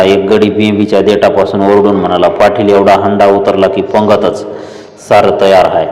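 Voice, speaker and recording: A man's voice: sits low, a little mellow. A man narrating a village story as an audiobook, reading the villagers' lines in rustic dialect. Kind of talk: storytelling narration with character voices. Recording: echoey room with long reverb.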